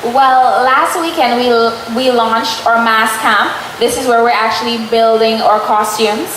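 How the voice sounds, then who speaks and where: Lively young West Indian woman. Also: fairly high pitch, measured pace, slight background noise. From Caribbean. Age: 20s. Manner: lively, proud and persuasive. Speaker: guest, student event organizer. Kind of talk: casual interview. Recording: echoey room.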